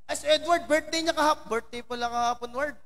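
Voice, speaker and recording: Male pastor, very high voice, informal sermon with teasing asides, long church hall reverb. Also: brisk, a bit bright. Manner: chatty, teasing asides to congregation members by name. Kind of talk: conversational sermon.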